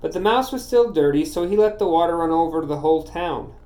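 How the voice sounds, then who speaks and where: A man reading a children's storybook aloud, steady and clear. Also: a little high, fairly quick.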